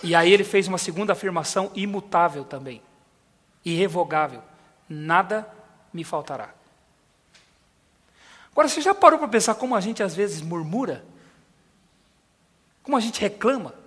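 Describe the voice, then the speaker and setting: A man pastor preaching a sermon. He repeats key lines slowly for emphasis and puts questions to the congregation. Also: high voice, animated, fairly bright tone, husky, in a large hall. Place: large hotel conference hall.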